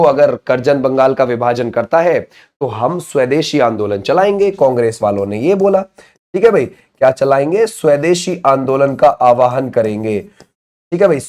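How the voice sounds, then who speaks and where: A man's voice: medium pitch, a little mellow. Man teaching a quiz, quizzing himself. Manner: drilling, asks and answers his own questions; repeats catchphrases to check understanding. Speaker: exam coaching teacher. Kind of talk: recorded exam-prep lecture.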